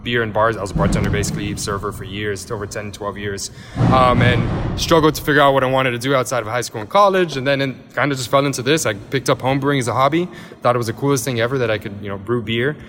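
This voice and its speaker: A man in his thirties from Miami, a head brewer answering interview questions in a big tasting room, talking rapidly with many fillers and restarts. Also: medium pitch, big-room sound, background noise. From Miami, Florida.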